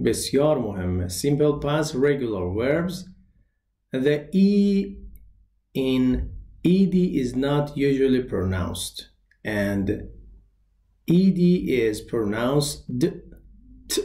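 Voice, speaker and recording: A man's voice: medium pitch, warm tone. Man teaching a lesson in an echoey room. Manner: reads English examples slowly, then explains and translates. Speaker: English teacher. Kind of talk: textbook lesson explanation.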